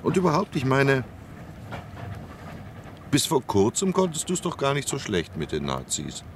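A man's voice: mid-range voice, huge pitch swings, measured pace, a little hiss or hum. An actor playing a sceptical, down-to-earth man in a radio play, dry and mocking in his delivery. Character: sceptical, sardonic male friend of the writer. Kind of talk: radio play acting and narration.

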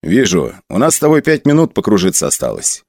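A man voicing a calm older male flight instructor who gives steady, unhurried guidance. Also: on the low side, no room sound, clean studio sound, full character voice.

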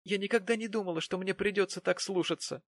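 A man doing a gentle, timid young wife in a storybook reading, raising his voice high and soft. She sounds meek and pleading, recorded close and dry. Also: expressive, normal speed, no room sound. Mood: tearful. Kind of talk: audiobook character voice.

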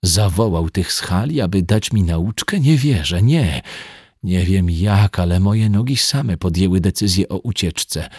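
A man narrates an audiobook story in a very deep, husky voice. His reading is expressive and dramatic, with lively swings in pitch, in a dry, close sound. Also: measured pace, no echo.

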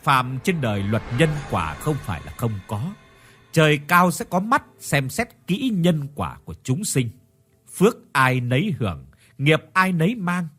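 A man voicing a kindly older Buddhist master who preaches gently and calmly. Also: a little high, measured pace, slightly rough, faint music behind, full character voice. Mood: calm, preaching.

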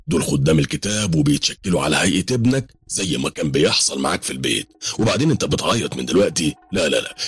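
A man's voice: very deep voice, fairly bright tone, slightly rough, dry recording, full character voice. A man with an Egyptian accent voicing a stern male friend who gives blunt warnings in a horror story. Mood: scolding. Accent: Egyptian Arabic. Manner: blunt, cautioning.

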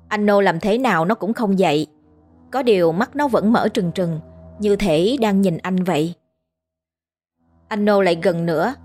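Woman reading a ghost story, steady even pace, faint music behind. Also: mid-range voice. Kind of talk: scripted ghost story narration.

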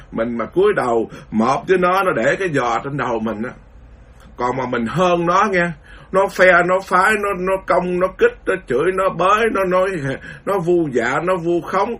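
A Buddhist monk delivers an indignant, repetitive rant during a lecture. His voice is husky and sits a little high. He sounds set back from the microphone, like a radio broadcast. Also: fairly bright tone, recorded from a distance. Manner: indignant, ranting, repetitive phrasing. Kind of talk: impassioned Dharma lecture.

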